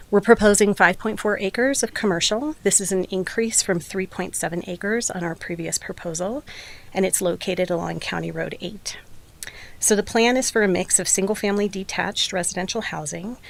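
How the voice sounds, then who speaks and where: Presenting as a development applicant, a woman addresses a public meeting in a formal, prepared manner. Her voice is slightly hoarse and sits on the low side.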